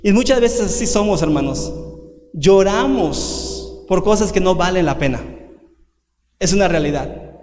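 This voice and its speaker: A man in his thirties preaches to his congregation, asking questions and drawing out key phrases slowly. His voice sits high for a man. It carries through an echoey church hall with a long reverb tail. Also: animated, a little mellow, slight background noise. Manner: preaching with sudden slowdowns and rhetorical questions. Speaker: pastor. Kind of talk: sermon.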